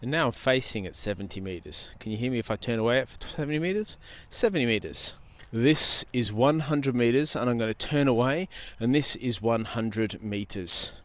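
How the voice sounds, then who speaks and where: Holding a wireless handheld mic, this man reviews a product on camera in a loose, repetitive way. His mid-range voice is expressive and a bit bright, with a moderate pace and no room sound.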